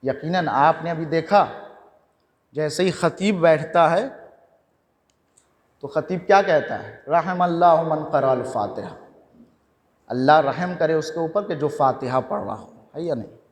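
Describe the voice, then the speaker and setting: A man's voice: fairly high pitch, pauses often. A man preaching a sermon at a mourning gathering, repeating phrases in a call-and-response style in a mosque hall. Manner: repetitive call-and-response preaching, climbing to shouts. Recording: echoey hall with long reverb.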